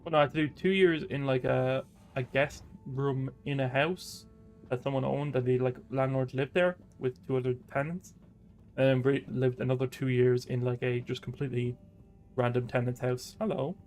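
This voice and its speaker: A man's voice: medium pitch, steady tone, normal speed, darkish tone, soft background music. A man doing casual let's-play commentary, rambling as he narrates what he does. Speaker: gaming commentator.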